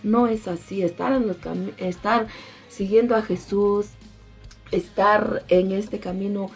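A woman's voice: medium pitch, steady tone, unhurried, creaky. A woman with a mid-range voice speaks emphatically in a casual devotional talk. She repeats her key phrases for weight. Faint music plays behind her. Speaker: mother.

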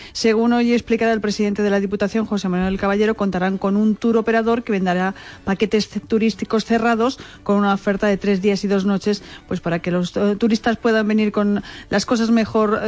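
A woman's voice: medium pitch, darkish tone, lo-fi sound. A woman reporting for regional radio, talking in a conversational way with frequent filler words. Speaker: radio correspondent. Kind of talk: news report.

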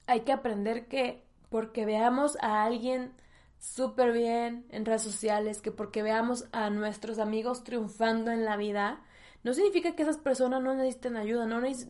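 A woman's voice: a little high, a little mellow. A young woman with a Mexican accent hosting a personal podcast monologue, candid and emotional, sometimes close to tears. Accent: Mexican Spanish. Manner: emotional, tearful at times, candid and slangy. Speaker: podcast host.

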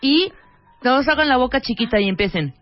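A woman's voice: sits high, lively intonation, fairly quick, muffled recording, soft background music. A woman co-hosting a radio show, teasing and joking about English pronunciation in casual banter. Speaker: radio co-host.

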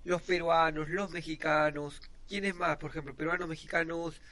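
A man co-hosting a casual podcast debate, opinionated and chatty, often pausing on "eh". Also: on the high side, steady tone, sharp tone. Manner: chatty, opinionated, frequent "eh" fillers. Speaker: podcast co-host.

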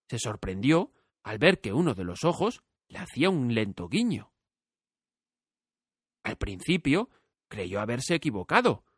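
A man narrating a storybook audiobook with clear, steady storytelling. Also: medium pitch, no room sound, clean studio sound.

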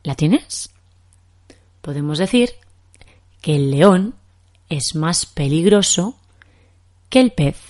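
A young woman from Spain teaches a podcast language lesson in Castilian Spanish. She talks slowly and patiently, working through one example after another, and her voice sits a little on the low side. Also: lively intonation, darkish tone.

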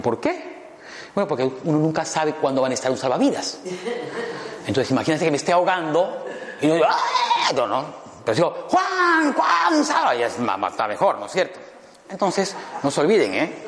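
A man's voice: mid-range voice, lively intonation, fast. A man, giving a playful motivational talk full of jokes and asides to his audience. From Peru. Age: 50s. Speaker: motivational speaker. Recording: echoey hall with long reverb, faint noise.

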